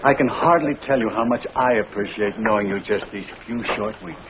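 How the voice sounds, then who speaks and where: An actor playing a courtly gentleman suitor in an old broadcast drama, speaking with formal gallantry and effusive compliments. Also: on the low side, a little fast, lightly acted. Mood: gallant, admiring. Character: courtly, flattering gentleman suitor who loves poetry. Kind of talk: old-time broadcast comedy-drama acting. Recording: noisy vintage broadcast recording.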